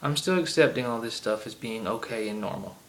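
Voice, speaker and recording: A fairly low-pitched, animated man talks fairly quickly in a heavy Southern accent, rambling through a casual game rant full of ums and asides. The gaming vlogger recorded himself on an iPod camera, which picks up a little hiss or hum.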